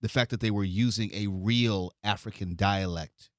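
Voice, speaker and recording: A man's voice: on the low side, steady tone, normal speed, no echo, clean studio sound. A man on a podcast, making a thoughtful point in discussion.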